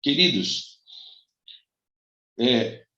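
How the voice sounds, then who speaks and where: A man preaching as a pastor, telling a personal testimony with dramatic swings between high cries and soft low passages. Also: sing-song, extremely slow. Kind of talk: sermon testimony. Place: church. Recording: echoey, dull lo-fi church recording.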